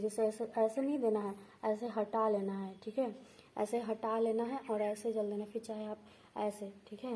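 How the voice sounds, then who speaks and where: A woman's voice: a little high, dark tone, low-quality recording. A woman teaching a devotional ritual step by step, patiently repeating each point and checking in with her viewers. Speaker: astrology and vastu teacher. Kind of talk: devotional how-to instruction.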